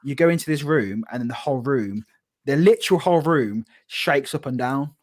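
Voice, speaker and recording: A man's voice: medium pitch, expressive, normal speed, dry recording, clean studio sound. A British man co-hosting a podcast, chatting casually and rambling with lots of fillers and restarts. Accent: British English. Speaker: podcast co-host. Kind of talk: casual chat.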